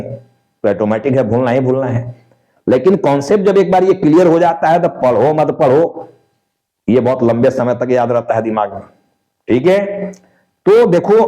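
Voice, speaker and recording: A man's voice: fairly high pitch, warm tone, poor audio. A man teaching an accounts lesson, explaining step by step and answering his own questions for the students. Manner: often says "dekho" and "theek hai" to check on students. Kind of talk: explanatory lecture.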